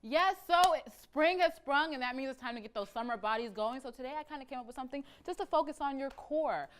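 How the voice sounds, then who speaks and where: A young woman leading a Zumba workout, counting beats out loud with energetic, upbeat delivery. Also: high voice, fast, clean tone. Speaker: Zumba instructor. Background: dance music.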